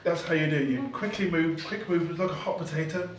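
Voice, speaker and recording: A man with a slightly high voice talks a little fast as he casually leads a hands-on cooking demo. He patiently encourages and repeats his instructions, and the recording is very echoey, with a distant mic and noisy surroundings.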